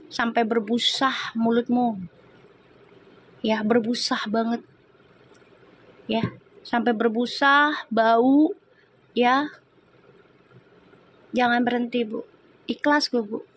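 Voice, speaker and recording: A woman from Indonesia, a tarot reader chatting casually with viewers on a live stream, teasing and answering comments, slipping into short prayers. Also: a little high. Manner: slips into singing and quick prayers.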